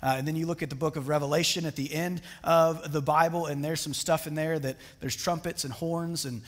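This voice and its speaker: A man's voice: fairly high pitch, steady tone, fairly quick. A man preaching a sermon in a casual, conversational way, often restarting his sentences with fillers. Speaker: pastor. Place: church sanctuary. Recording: reverberant church hall.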